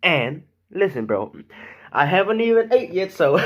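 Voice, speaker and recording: Casting: young male vlogger, slightly high voice with big pitch swings, loose slangy delivery, chatting to camera. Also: unhurried. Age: young adult. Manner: animated, slangy, acting out dialogue. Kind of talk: casual storytime to camera. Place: small room at home.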